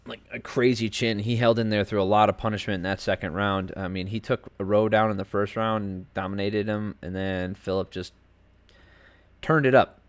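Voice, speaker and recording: A man's voice: lowish voice, fairly even intonation, moderate pace. A man hosting a podcast alone, giving casual, rambling commentary on fight results from a home desk setup, full of fillers and asides. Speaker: podcast host.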